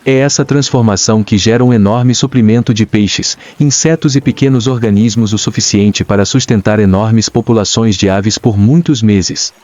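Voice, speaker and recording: A man with a Brazilian accent reads scripted nature documentary narration in a measured, dramatic storytelling way. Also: on the low side, a little mellow. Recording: dull lo-fi sound with music. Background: clear background music.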